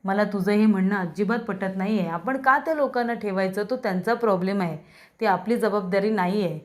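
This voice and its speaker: A woman reading the lines of a haughty woman who refuses to take in unwanted houseguests, in a sharp, dismissive tone. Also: medium pitch, a little fast, lightly acted. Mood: scornful.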